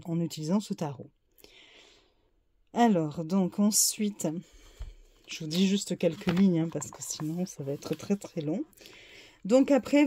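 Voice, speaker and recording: A woman talks through a tarot deck in a relaxed show-and-tell. Her voice is low and mellow, and her pace is slow and hesitant, full of small fillers. The sound is close and dry. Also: dry recording. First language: French. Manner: hesitant, fills pauses with euh and hein. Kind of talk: casual show-and-tell unboxing.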